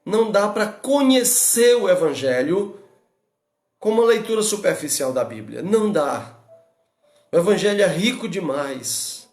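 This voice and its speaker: A man's voice: sits high, big pitch swings, measured pace, darkish tone, roomy sound, faint music behind. A man with a Brazilian Portuguese accent, a pastor giving an earnest expository Bible study, asking rhetorical questions and repeating his exhortations.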